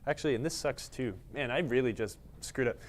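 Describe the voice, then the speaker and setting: A man of ordinary middle pitch chats loosely to his live-stream viewers. He talks partly to himself as he fusses with the camera setup and pokes fun at himself. A faint room hum sits behind him. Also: a little fast. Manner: rambling, self-deprecating, talking to himself while adjusting the camera. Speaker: livestream host. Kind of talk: casual live-stream chat. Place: indoor studio space at a workplace.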